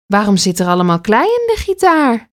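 A woman voicing a kind but firm mother in a read-aloud children's story, gently explaining. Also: medium pitch, wildly swooping pitch, moderate pace. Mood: surprised. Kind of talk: storybook character voice.

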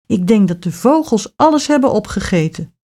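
A woman's voice: medium pitch, lively intonation, normal speed, mellow, lightly acted. A woman voicing a plucky young boy in a fairy tale, eager and exclaiming.

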